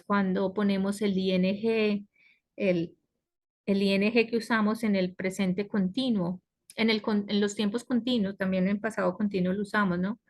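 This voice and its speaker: Woman teacher, unhurried lecture delivery on a video call, mid-pitched. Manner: slow, explanatory, asks "¿sí?" and "¿cierto?". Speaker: English teacher. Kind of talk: online class lecture.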